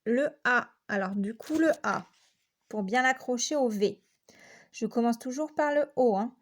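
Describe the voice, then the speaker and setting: A woman's voice: fairly high pitch, a little hiss or hum. A woman teacher giving a patient, step-by-step handwriting lesson to young children. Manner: slow, patient step-by-step explanation. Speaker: primary school teacher.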